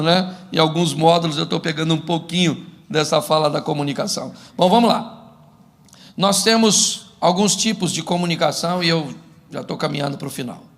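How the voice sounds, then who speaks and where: A man from Brazil, a pastor giving a humorous sermon, telling stories and acting out couples' quarrels in a church. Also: on the high side. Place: church before a laughing congregation.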